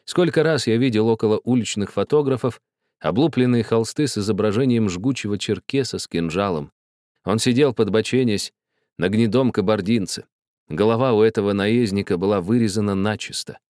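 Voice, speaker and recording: Low-voiced male audiobook narrator. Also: a little mellow, no room sound, studio quality. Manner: measured literary reading. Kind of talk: scripted narration.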